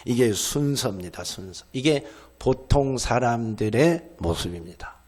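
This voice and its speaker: A middle-aged male pastor delivers a sermon in a conversational, call-and-response way, firing questions at the congregation and answering them himself. He slips into animated little voices for the complaining people he describes, then drops to a soft, hushed tone to drive a point home. His voice sits at an ordinary man's pitch. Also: a little slow. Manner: acts out quoted complaints in lively voices; drops to a hushed voice at the ends of phrases.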